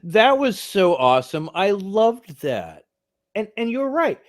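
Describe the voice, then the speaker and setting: A man's voice: high voice, sing-song, takes it slowly. An American man co-hosting a movie review in casual, enthusiastic chat. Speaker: movie review podcast co-host.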